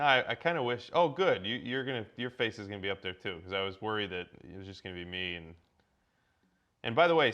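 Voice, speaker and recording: A man's voice: fairly low pitch, pushed and bright, highs cut off. A man walking viewers through a tech setup on a casual livestream, rambling with many restarts and filler words. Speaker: guest presenter.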